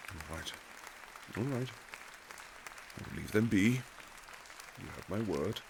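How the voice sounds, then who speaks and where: In an intimate romantic period audio drama, a man plays a reserved aristocratic husband, his low, gravelly, husky voice heavily acted. He speaks formally and haltingly in old-fashioned, earnest phrasing, with tender feeling that turns protective and indignant.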